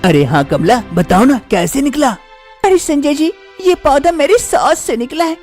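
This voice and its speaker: A woman doing a high, fretful young village bride. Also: expressive, normal speed, a little mellow, soft background music. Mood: earnest. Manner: anxious muttering to herself. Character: young village daughter-in-law, fretful and chattering. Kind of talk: animated storybook voice acting.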